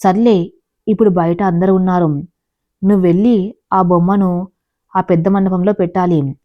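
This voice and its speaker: A woman voicing a scheming, spiteful woman in a told story, slow and low. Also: steady tone, highs cut off, natural voice.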